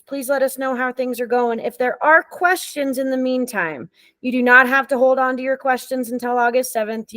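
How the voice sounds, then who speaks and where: Friendly woman hosting a meeting, higher pitch. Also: no echo. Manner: friendly, relaxed, with frequent ums. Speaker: meeting facilitator. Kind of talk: casual online meeting talk.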